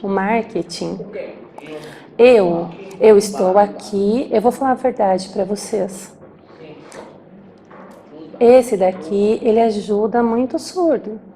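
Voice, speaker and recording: A woman voicing a deaf speaker's talk aloud as a sign language interpreter, lively and acting out small scenes. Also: fairly high pitch. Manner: lively, acts out little scenes with quick asides. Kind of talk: live spoken interpretation of a talk.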